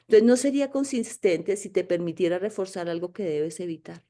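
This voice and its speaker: Woman, spiritual teacher with a warm, dark tone, casual and emphatic, checks in with her class a lot. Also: fairly low pitch, lively intonation, fairly quick. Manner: emphatic, asks "¿sí?" often, mimics inner voices.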